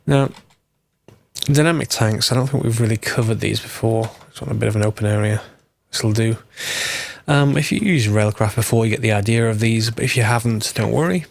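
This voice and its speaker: Slightly hoarse from a cold, a man walks through a casual game tutorial, thinking aloud and correcting himself as he goes. His pitch is fairly low and his pace fairly quick.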